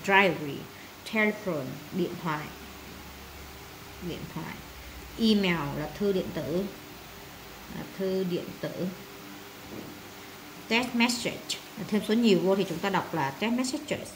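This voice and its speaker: Woman teacher, mid pitch, drills words with fillers; faint hiss behind. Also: slow pace, pauses often. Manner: repeats each word, many filler sounds, translates terms one by one. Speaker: English teacher. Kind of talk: vocabulary lesson for students.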